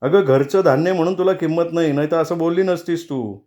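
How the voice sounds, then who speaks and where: Male reader voicing an adult son, quick to anger, sharp raised voice. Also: on the high side, lively intonation, voice pushed up, lightly acted. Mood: angry. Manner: heated, raised voice. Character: angry adult son defending his mother.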